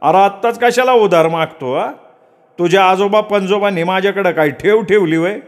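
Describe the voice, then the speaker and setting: A man voicing a hot-tempered village shopkeeper who sneers and scolds in a loud, raised voice. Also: sits high, normal speed, pitched above the performer's own voice, natural voice. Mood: scornful.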